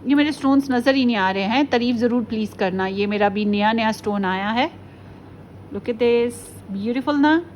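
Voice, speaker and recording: A woman reads tarot for her viewers in a casual pick-a-card video, chatting away and often dropping in English phrases. She speaks at normal speed with a voice on the high side, and there's a little hiss or hum.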